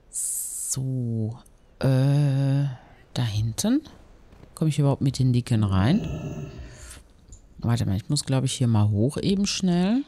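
A man giving casual, slangy gameplay commentary, thinking out loud as he goes. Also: mid-range voice. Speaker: let's player. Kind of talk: casual gameplay commentary with quest text read aloud.

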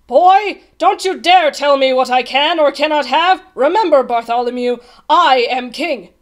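Woman playing a loud, blustering old storybook king. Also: high voice, a little slow, pitched above the performer's own voice. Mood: angry, bellowing. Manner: bellowing, commanding, blustering. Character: grumpy, imperious old king, blustering and hot-tempered. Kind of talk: storybook character voice.

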